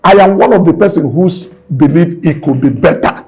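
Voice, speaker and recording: A Nigerian businessman in his sixties, appearing as an interview guest, speaks with impassioned emphasis and repeats his points like a preacher. His voice sits on the high side, a bit dark and slightly rough, at a normal pace.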